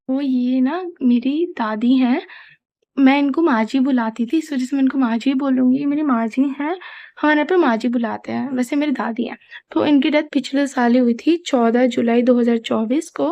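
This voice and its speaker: A woman's voice: sits high, normal speed, warm tone. A young woman chatting casually in a home vlog, rambling and apologetic, with a sore throat. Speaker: vlogger. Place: family home, indoors.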